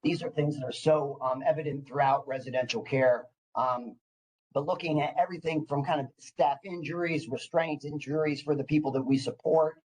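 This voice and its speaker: A man's voice: a little high, steady tone, moderate pace, darkish tone, rough recording. A man giving an informal professional presentation, psyched and caffeinated, often hesitating and restarting as he eagerly talks. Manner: enthusiastic, psyched; caffeinated, eager talker who hesitates and restarts mid-phrase. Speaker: clinical department director presenting.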